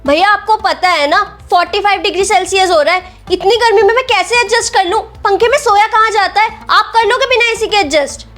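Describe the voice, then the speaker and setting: A woman's voice: very high-pitched, fairly quick, hardly any pauses, fairly bright tone, soft background music. A woman playing a spoiled young sister-in-law who taunts and complains in a family drama skit. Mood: complaining. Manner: taunting, whiny.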